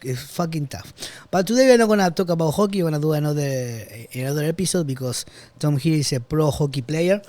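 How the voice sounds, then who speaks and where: A man's voice: a little high, fast, hardly any pauses, a little mellow, no room sound. A man from Argentina hosting a podcast interview, casual and profane, with loose phrasing. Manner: swears freely, loose non-native phrasing. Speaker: podcast host.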